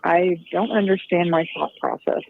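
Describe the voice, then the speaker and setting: Woman on prison phone call, gravelly voice, gentle and soothing, tinny line, faint hiss. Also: lowish voice, steady tone, normal speed. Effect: heard over a prison phone line.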